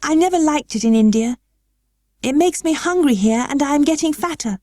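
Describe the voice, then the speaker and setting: A woman's voice: high-pitched, lively intonation, brisk, warm tone, no echo, clean studio sound, voice pushed up. A woman voicing a timid, earnest little girl who speaks in a hesitant, tremulous, pleading way for a storybook. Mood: earnest, nervous. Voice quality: tremulous, breathy when nervous.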